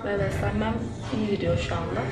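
A woman's voice: mid-range voice, steady tone, a little fast, over loud music. An eighteen-year-old woman vlogging at home, telling a story in a chatty, dramatic way with exclamations. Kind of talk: casual vlog chat to camera. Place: at home indoors.

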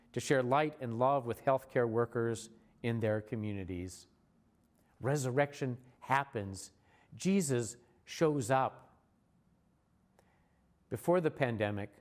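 A man, a church leader, giving a recorded sermon in a measured, earnest way, slowing down for repeated refrains. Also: mid-range voice, darkish tone.

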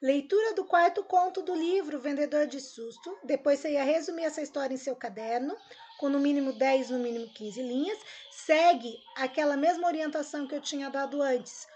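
This Brazilian Portuguese-accented woman pitches her voice high and keeps a brisk pace. She is a teacher checking homework answers with her class during a cheerful recorded lesson, speaking straight to the pupils with plenty of energy.

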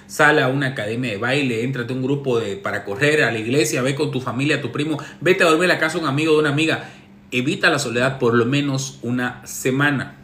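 A man's voice: mid-range voice, fast talker, a bit bright, echoey room, slight background noise. A relationship coach, a man, reads viewer messages and answers them with sarcastic, teasing advice in a casual monologue.

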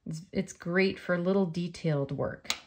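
A woman's voice: fairly low pitch, moderate pace, darkish tone. A woman with a faint New York accent giving a friendly step-by-step polymer clay crafting tutorial.

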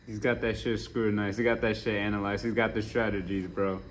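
A man's voice: on the low side, level tone, brisk, a little hiss or hum. A young man hosting a reaction video, talking casually with lots of swearing and jokes, getting worked up. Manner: profane, joking, riled up.

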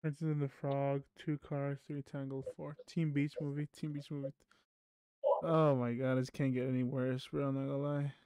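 Male streamer, casual slangy chat, mid pitch, dry close mic, home setup. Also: moderate pace, clean tone, dry recording. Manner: relaxed, chatty, slangy.

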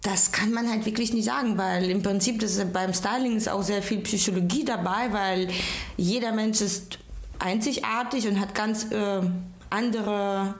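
A woman's voice: medium pitch, steady tone, moderate pace, roomy sound. A woman from Ukraine, a stylist guest on a podcast, speaking hesitantly with many fillers as she searches for words. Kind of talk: casual interview.

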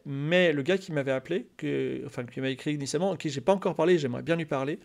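A man talking casually to his live-stream chat, rambling with many fillers and restarts and turning animated when excited. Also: a little high, fast talker, creaky.

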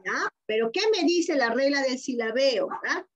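A woman's voice: high voice, animated, moderate pace. A Peruvian woman teaching a primary class online, patient and affectionate, coaxing answers with questions and repeating key words. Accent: Peruvian Spanish. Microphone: video call. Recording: dull lo-fi video call audio.

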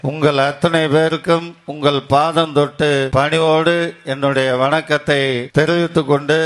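Man, Tamil Nadu accent, rousing political oratory, higher-pitched voice, steady narrow intonation, music behind. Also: normal speed. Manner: declamatory, rousing, with repeated slogans. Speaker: political party speaker. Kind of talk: political oratory at a party meeting.

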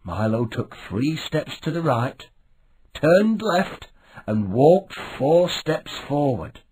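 A man's voice: fairly high pitch, big pitch swings, slow pace, a little mellow, slightly rough, low-quality recording. A man reading a children's story aloud in a sing-song, exaggerated storytelling manner. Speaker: narrator.

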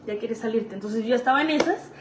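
A young woman with a Mexican Spanish accent vlogs casual stories about her past jobs, chatty and full of slang and laughing asides. Her voice is fairly high, she talks quickly, and the background is noisy.

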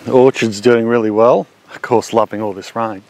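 A man's voice: lowish voice, normal speed. A man in his forties with an Australian accent, casually showing his backyard food garden outdoors while walking, recorded on a handheld camera. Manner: relaxed, chatty explaining while walking. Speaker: homesteading vlogger. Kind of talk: casual garden walk-through. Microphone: handheld action camera.

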